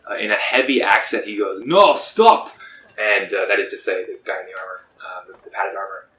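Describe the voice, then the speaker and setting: A man narrates a tabletop roleplaying session, pacing out the scene with small pauses and fillers. His voice sits a bit low but sounds bright and forward. The room is echoey, with a faint hiss under it. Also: flat delivery, recorded from a distance. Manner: descriptive, unhurried with frequent ums. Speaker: game master.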